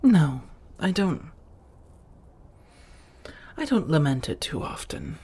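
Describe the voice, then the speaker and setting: In a soft-spoken ASMR roleplay, a woman plays a centuries-old vampire housemate who is genteel and affectionate, speaking with measured, old-fashioned phrasing in a husky, breathy voice. Her voice is deep, sing-song and exaggerated, and the mood is apologetic and wistful.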